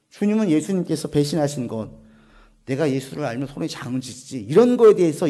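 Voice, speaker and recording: A male preacher delivers a sermon in a church sanctuary. He asks the congregation questions, supplies the answers himself, and lowers his voice softly when he reaches key points.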